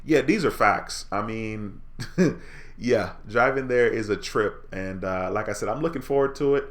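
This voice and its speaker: A Jamaican man with a relaxed, low voice hosts a live stream at a measured pace. He's friendly and easygoing, reading viewers' comments aloud and answering them in casual chat.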